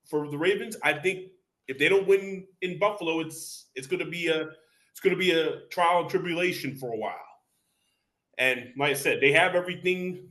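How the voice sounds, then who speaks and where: Higher-voiced man hosting a casual chat. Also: a bit bright. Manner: loose, hurried, repeats words. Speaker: host.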